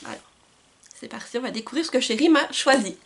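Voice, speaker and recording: A woman with a slightly high voice chats to camera in her home, surrounded by bookshelves. She talks casually and loosely, with many fillers and restarts, recorded on a camcorder mic. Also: lively intonation, quick pace, vocal fry, fairly bright tone, husky. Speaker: book vlogger. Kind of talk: casual book haul chat. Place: home room with bookshelves and Christmas lights.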